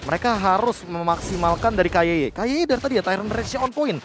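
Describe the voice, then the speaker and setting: A man's voice: sits high, fast talker. A man with an Indonesian accent giving live analysis as a commentator on an esports match. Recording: noisy live broadcast ambience.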